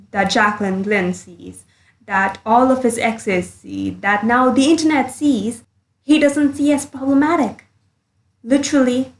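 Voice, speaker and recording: A woman's voice: a little high, a little mellow. Woman YouTuber, blunt commentary, recorded under a blanket, echoey sound. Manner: blunt, earnest, a bit sweary. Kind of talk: casual commentary monologue.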